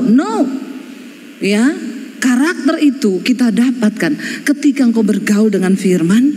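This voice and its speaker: Woman preaching in a reverberant hall. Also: high-pitched. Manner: lively, emphatic preaching with folksy humor. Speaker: pastor. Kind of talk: sermon. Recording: long church hall reverb.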